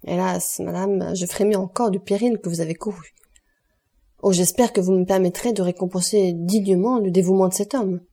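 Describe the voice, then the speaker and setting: A woman reading an audiobook and voicing a composed, commanding aristocratic count who speaks calmly and with authority. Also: mid-range voice, moderate pace, husky.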